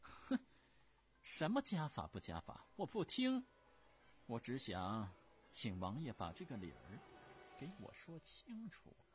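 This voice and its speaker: A male storyteller voicing an imperious, furious old empress dowager who scolds in a shrill, haughty voice. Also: sing-song, unhurried, hardly any pauses.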